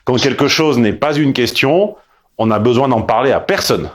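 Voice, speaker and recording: A man's voice: medium pitch, moderate pace. Blunt French dating coach, man. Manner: blunt, emphatic, mocking asides. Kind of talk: casual coaching call.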